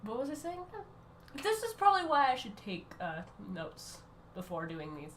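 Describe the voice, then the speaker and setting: A woman who is sick, giving a casual rambling voice-over that keeps breaking off and restarting in quick bursts. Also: a little high, wildly swooping pitch, a little hiss or hum. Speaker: art channel creator.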